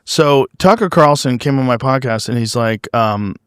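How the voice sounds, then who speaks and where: Guy telling a quick story on a podcast, smooth clear voice, dry close mic. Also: medium pitch, animated, no room sound. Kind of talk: casual storytelling.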